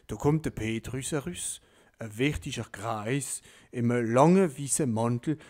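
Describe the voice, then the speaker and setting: Slow-reading male storyteller. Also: medium pitch, a little mellow. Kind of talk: reading a dialect story aloud.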